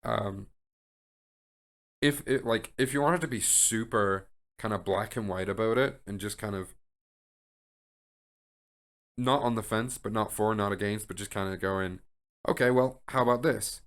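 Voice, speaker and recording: Podcast host, male, lowish voice, rambling casual musing with lots of restarts. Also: measured pace, pauses often, a bit bright. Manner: rambling, speculative, many restarts and filler words. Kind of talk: casual chat.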